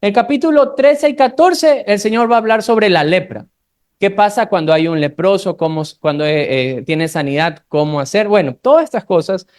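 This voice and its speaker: A preacher from Ecuador speaks with a Guayaquil accent in a mid-range voice. They teach a Bible study sermon, slowing down to read scripture and turning to the congregation with casual, conversational asides. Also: mid-range voice, a little mellow. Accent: Guayaquil Ecuadorian Spanish. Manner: slows down when reading scripture aloud, conversational asides to the congregation.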